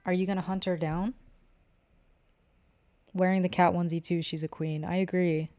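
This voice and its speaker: A woman's voice: fairly low pitch, level tone, moderate pace, mellow. A woman streamer reading a visual novel aloud, narration and the player's lines, stumbling at times.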